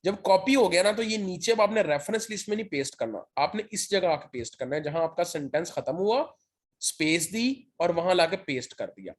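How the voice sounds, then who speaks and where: Man teaching software with a sore throat. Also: sits high, expressive, fairly quick. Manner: step-by-step, repeats "ठीक है" to check in. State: sore throat, occasional cough. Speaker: lecturer. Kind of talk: screen-share software tutorial.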